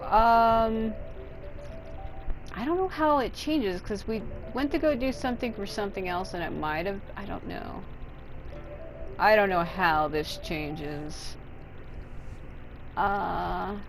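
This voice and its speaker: A woman video game streamer gives casual, unscripted gameplay commentary, rambling as she thinks aloud and swearing casually. Her voice is medium-pitched, and the audio is poor.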